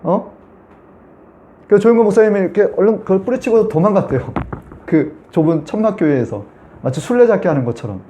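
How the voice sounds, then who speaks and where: A male pastor gives a Sunday sermon as a story, often turning to the congregation with questions. His pitch sits fairly high and moves up and down a great deal. His tone is mellow and warm. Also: brisk, pauses often, a little hiss or hum. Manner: animated storytelling, conversational with the congregation.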